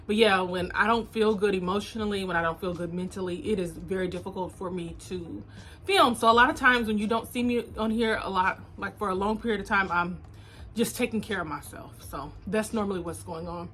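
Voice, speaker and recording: A woman's voice: mid-range voice, fairly quick, fairly bright tone, a little hiss or hum. A woman in her thirties talking candidly and casually to her viewers, calling them y'all, filmed on a phone camera. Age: 30s. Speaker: vlogger. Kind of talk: casual confessional chat to viewers.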